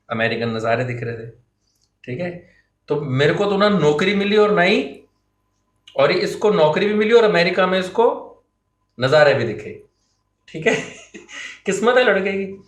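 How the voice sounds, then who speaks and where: Chatty high-voiced man teaching. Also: fairly bright tone. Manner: chatty, playful storytelling, laughs at own jokes. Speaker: English teacher. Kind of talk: classroom-style lesson with stories. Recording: echoey room.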